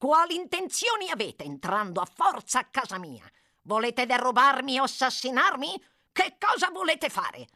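A woman's voice: a little high, sing-song, normal speed, bright, forceful tone, voice pushed up. A woman voicing a sinister hunchbacked little man with a cold, hostile, snarling manner.

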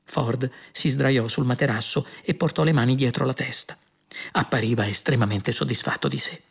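A man narrating an audiobook in a measured, wry manner. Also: medium pitch, creaky, husky.

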